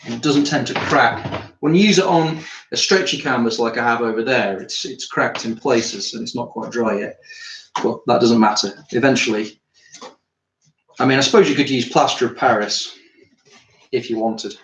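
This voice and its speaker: A man's voice: mid-range voice, moderate pace, fairly bright tone. A British man, an artist chatting casually on a live stream while he works, rambling and thinking aloud, a bit tired after climbing. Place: art studio. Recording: roomy studio with faint noise.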